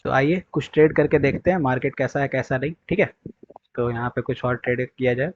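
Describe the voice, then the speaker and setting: A man's voice: mid-range voice, brisk, lo-fi sound. A young man teaching trading to his viewers in a blunt, scolding way, often checking that they understood. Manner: scolding, direct, repeats "clear?" and "okay".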